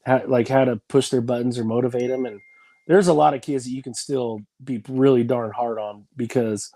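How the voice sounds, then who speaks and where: A man's voice: mid-range voice, steady tone, moderate pace, mellow, no echo. A man in his forties, a football coach, talking in a rambling, frank, folksy way in a casual reunion chat.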